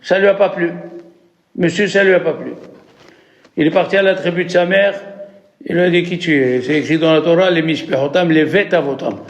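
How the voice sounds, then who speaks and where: Animated rabbi giving a lesson. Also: male voice, a little high, fairly quick, pauses often. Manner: animated, asks the audience questions. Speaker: rabbi teaching a class. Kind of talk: religious lesson.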